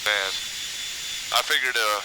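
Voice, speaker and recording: A man's voice: fairly low pitch, takes it slowly. A man piloting a military jet, chatting casually over an oxygen mask intercom in the cockpit. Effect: oxygen mask radio intercom. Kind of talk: casual in-flight chat. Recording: loud aircraft hiss over cockpit intercom.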